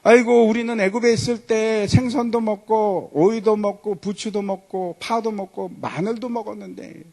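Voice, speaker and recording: A pastor playing whining, hungry Israelite grumblers. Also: male voice, high voice, fairly even intonation, moderate pace, darkish tone. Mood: whiny. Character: grumbling ancient Israelite crowd, whiny and hungry.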